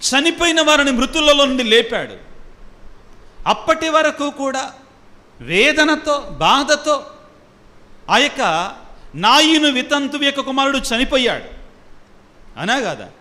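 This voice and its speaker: Preaching in call-and-response style, a priest with a high, bright, ringing voice keeps quizzing his congregation and drops English phrases among his own words. He is expressive and slow, pausing often, as his voice trails into a long hall reverb.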